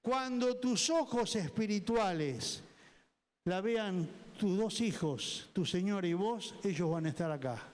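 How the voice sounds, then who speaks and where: A man's voice: sits high, lively intonation, unhurried, darkish tone. A man with a Rioplatense Spanish accent, a pastor preaching a sermon with emphatic repetition. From Argentina. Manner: emphatic preaching, repeating words, voicing people in quotes. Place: church hall. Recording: church hall reverb.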